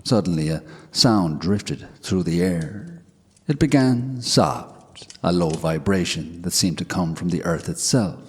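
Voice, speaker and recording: A man narrating a scripted ghost story in a measured, hushed way. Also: sits low, slightly rough. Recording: long hall reverb.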